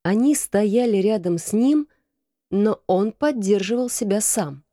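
Mellow woman narrating a storybook. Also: mid-range voice, a little slow, no echo, studio quality. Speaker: audiobook narrator. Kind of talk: scripted narration.

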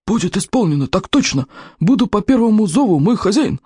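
A reader voicing an obedient dragon who answers crisply and formally, like a soldier reporting, in an audiobook. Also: medium pitch, animated, normal speed, no room sound, clean studio sound. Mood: dutiful. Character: obedient military-minded dragon.

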